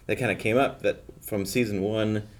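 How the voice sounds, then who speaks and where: A man's voice: on the low side, fairly even intonation, normal speed. A man, a show's co-creator and director, chatting casually on a podcast with many ums and restarts. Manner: hesitant, many fillers.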